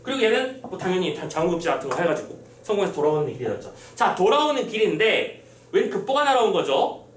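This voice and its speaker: A male teacher tells a classic tale in an exam-prep lecture. He speaks in a high, lively voice and acts out the characters' lines. The room echoes, the mic is distant, and faint room ambience sits behind him. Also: fast. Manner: animated storytelling, acting out quotes.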